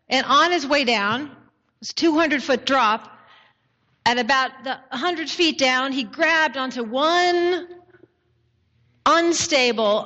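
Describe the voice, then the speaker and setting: A woman pastor giving a sermon in slow, measured phrases with dramatic pauses. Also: high voice, pushed and bright. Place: church sanctuary. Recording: echoey sanctuary, dull lo-fi sound.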